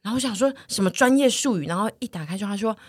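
A woman's voice: medium pitch, racing, slightly rough, dry recording, clean studio sound. A woman, co-hosting a podcast and telling a story in casual chat, acting out the people in it. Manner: lively storyteller who acts out quoted people. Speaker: podcast co-host.

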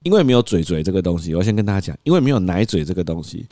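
Thirties man, lowish voice, very lively pitch, laughs a lot; dry close recording. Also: rapid-fire, no room sound. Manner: animated, acts out quotes, laughs often. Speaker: podcast host. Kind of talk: casual storytelling.

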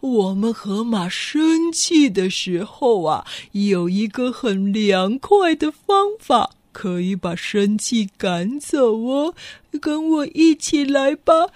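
A woman's voice: fairly high pitch, sing-song, takes it slowly, darkish tone, dry recording. A woman voicing a big easygoing hippo in a storybook, drawling and coaxing.

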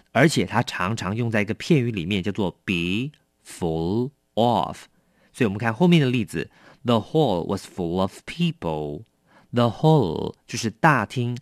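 A man's voice: fairly low pitch, dry recording, studio quality. A man teaching English vocabulary in a chatty, explanatory way, asking rhetorical questions. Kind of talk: vocabulary lesson explained in Mandarin.

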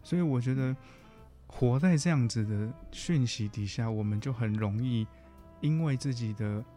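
With a Taiwanese accent and a warm, mid-range voice, a man appears as a guest counselor in a casual conversational interview. He speaks at a moderate pace, relaxed and reflective, often circling back to rephrase his point, while faint music plays in the background.

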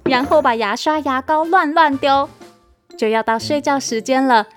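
A woman reads a children's story aloud, lively and expressive. Her voice sits a little high, with soft music faint in the background. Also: normal speed.

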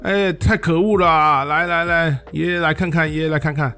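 A man voicing his gentle old grandfather with a mainland veteran's Mandarin accent, mock-scolding a child in a slow, drawn-out, sing-song way. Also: fairly high pitch, fairly even intonation, soft background music, pitched above the performer's own voice. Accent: mainland Chinese veteran's Mandarin.

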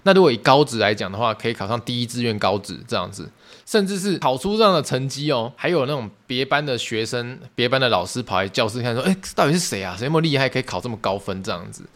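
A young man with a Taiwanese Mandarin accent, hosting a podcast and telling a personal story in a fast, animated, emotional way. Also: mid-range voice. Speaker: podcast host.

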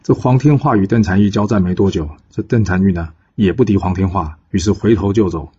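A man with a Taiwanese Mandarin accent telling a classic tale in a casual, relaxed way, pausing often on filler particles. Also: low-pitched, breathy edge. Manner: relaxed, frequent drawn-out pause particles. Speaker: storyteller. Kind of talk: casual storytelling narration. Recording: dull lo-fi podcast recording.

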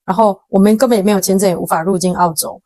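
A young Taiwanese woman hosts her own podcast, telling a story at a rapid clip and acting out the lines of the people in it. Her Taiwanese Mandarin accent comes through plainly, and the close mic sounds dry, with no room around her. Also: mid-range voice, no echo. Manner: animated, dramatic retelling with quoted dialogue and slang. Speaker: podcast host. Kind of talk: casual storytelling monologue.

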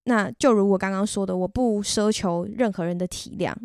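A woman with a Taiwanese Mandarin accent tells a story about herself on her podcast, quick and chatty. She is candid and pokes fun at herself. Her voice sits at a middle pitch and sounds dry and close, with no room around it. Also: darkish tone, no room sound. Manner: candid, chatty and self-deprecating. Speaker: podcast host. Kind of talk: casual personal storytelling monologue.

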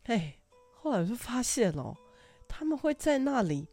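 A woman's voice: on the high side, moderate pace, dry recording, soft background music. An older woman, hosting a podcast and telling stories casually, with frequent laughter. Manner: laughs often, animated anecdotal telling. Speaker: podcast host. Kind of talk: casual storytelling.

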